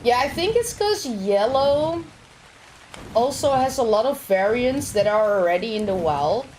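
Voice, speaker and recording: A woman's voice: a little high, lively intonation, unhurried. A young woman streaming a game from home, chatting casually with her viewers and swearing now and then. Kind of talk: casual live-stream chat while gaming. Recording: rain noise behind the voice.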